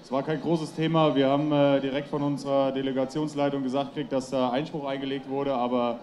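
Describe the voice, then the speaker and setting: A young male athlete answers interview questions in a mellow, warm voice. He sounds relaxed and pauses often to gather his words. Faint background noise is heard behind him. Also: medium pitch. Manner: relaxed, many hesitations.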